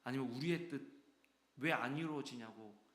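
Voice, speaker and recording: A man preaching a sermon as pastor, lively and acting out quoted voices with sudden swings between loud and soft. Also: mid-range voice, moderate pace. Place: church sanctuary. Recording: echoey church hall.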